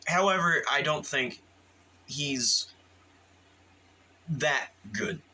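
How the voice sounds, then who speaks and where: Bright-voiced rambling male reviewer. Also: a little high, animated, drawn-out words, low-quality recording. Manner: rambling, full of fillers and restarts, enthusiastic. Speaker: movie reviewer. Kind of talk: casual spoken review.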